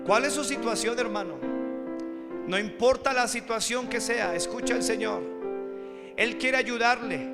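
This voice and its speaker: Pastor pleading in an altar call. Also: male voice, high voice. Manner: pleading, repeats appeals to come forward. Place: church sanctuary. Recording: reverberant church hall with music behind. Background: soft instrumental music.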